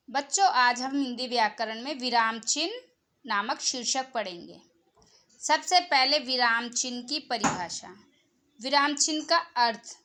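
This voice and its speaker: High bright woman teacher, rajasthani hindi accent, going slow thru a grammar lesson for kids. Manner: slow, explaining teacher's manner, stretching example sentences. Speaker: school teacher. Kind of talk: online grammar lesson for children.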